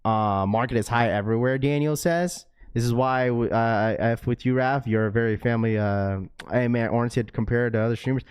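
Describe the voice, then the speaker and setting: Chatting casually with his viewers, this Washington state livestream host speaks in a mid-range voice, a little fast with few pauses, and leans heavily on "bro," "dude" and "like." He's a young-to-middle-aged dad of a schoolgirl. His tone is clean, and the recording is clean studio sound with no echo.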